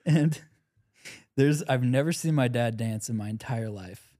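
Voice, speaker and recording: A man's voice: medium pitch, a little slow, warm tone. A young man in his twenties co-hosting a casual podcast, his voice sitting in an ordinary middle range. He rambles and jokes, often breaking into laughter. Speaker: podcast co-host. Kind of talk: casual chat.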